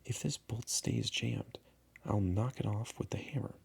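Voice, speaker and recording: A man's voice: fairly low pitch, unhurried, vocal fry, a little mellow, breathy edge, whispered, exaggerated voice. A man voicing a busy, irritable stranded pilot in a storybook reading, curt and dismissive. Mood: grimly determined.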